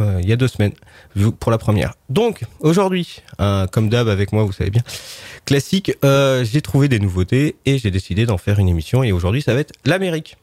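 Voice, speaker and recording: A man's voice: medium pitch, a little mellow, no room sound. A man presenting book picks on a casual book show, chatty and hesitant with many fillers.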